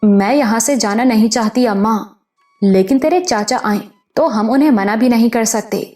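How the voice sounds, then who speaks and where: Female narrator doing bashful young woman, hesitant and stammering, higher mellow voice. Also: soft background music, close to an everyday voice. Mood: shy. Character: shy, innocent young woman. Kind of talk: audiobook character voice.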